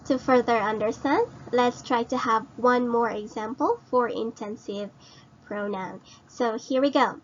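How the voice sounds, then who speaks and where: Woman teacher, slow and patient, asks students questions, slightly high voice, lo-fi recording. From Philippines. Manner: explains slowly and repeats, asks students questions. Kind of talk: recorded grammar lesson.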